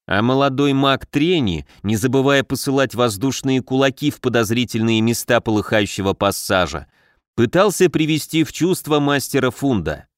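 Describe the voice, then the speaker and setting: A man's voice: medium pitch, expressive, moderate pace, no echo. A man reading a fantasy novel aloud as an audiobook narrator, close to the mic.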